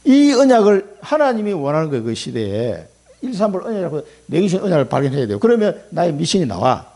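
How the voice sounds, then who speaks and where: A middle-aged man preaches from the pulpit in a folksy, emphatic sermon, with sudden loud bursts and soft drops. His voice sits fairly high and leaps around a lot in pitch. It has a gravelly, husky edge. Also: big pitch swings, fast. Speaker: pastor.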